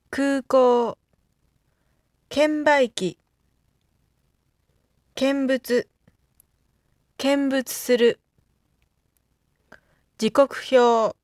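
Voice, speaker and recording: Slow, high-voiced woman reading vocabulary. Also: a little mellow, dry recording, studio quality. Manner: careful, isolated words with pauses. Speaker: Japanese vocabulary reader. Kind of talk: scripted word-list reading for a language lesson.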